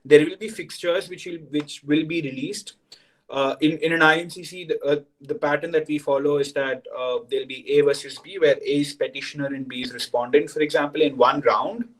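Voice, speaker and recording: A man's voice: a little high, steady tone, brisk, fairly bright tone, poor audio. A young man, a senior student explaining things to new students on a video call and checking in with "right?". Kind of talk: orientation talk to students.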